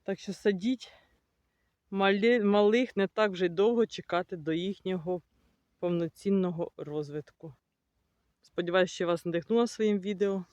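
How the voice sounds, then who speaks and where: A woman's voice: fairly low pitch, moderate pace, a little mellow, dry recording, lo-fi sound. Enthusiastic woman touring her garden. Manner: enthusiastic, chatty, fond diminutives. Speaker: gardening vlogger. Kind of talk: casual walk-through of her garden. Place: outdoor garden.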